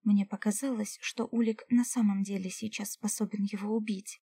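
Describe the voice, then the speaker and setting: A woman's voice: medium pitch, steady tone, moderate pace, gravelly, mellow, husky, no room sound. A woman narrating a first-person audiobook in an emotional way, at times dropping to a whisper.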